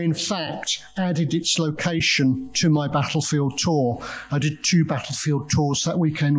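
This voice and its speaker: Man, conference speaker, storyteller, slightly higher voice, talks in spoken story form. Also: low-quality recording. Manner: storytelling, with quoted voices and restarts. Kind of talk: academic talk.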